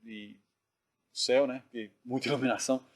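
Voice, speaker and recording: A man earnestly retelling a dream in casual storytelling, often dropping his voice to a hush. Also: medium pitch, fairly even intonation, brisk. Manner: earnest, drops to hushed tones when reliving tense moments. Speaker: dream narrator.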